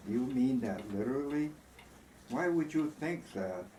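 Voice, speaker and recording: A man reading the part of a gentle, thoughtful war veteran in a storybook reading. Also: lowish voice, steady tone, measured pace. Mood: awed. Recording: roomy echo, faint background noise.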